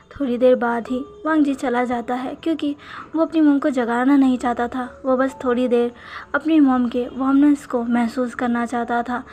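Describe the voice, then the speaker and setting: Female storyteller, high pitch, calm narration with a few restarts. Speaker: fan fiction storyteller. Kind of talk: storytelling narration of fan fiction.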